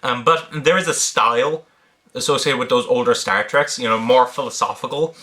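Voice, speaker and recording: With a medium pitch, moderate pace and sharp tone, this Irish man answers his viewers' questions as an online video creator. The delivery is casual and unscripted, hesitant and peppered with ums as he thinks aloud, in an accent blending Irish, British and American.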